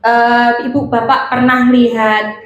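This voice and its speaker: A woman's voice: a little high, level tone, slow. A woman with a Javanese accent giving a playful seminar talk on communication, teasing her audience. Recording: echoey hall.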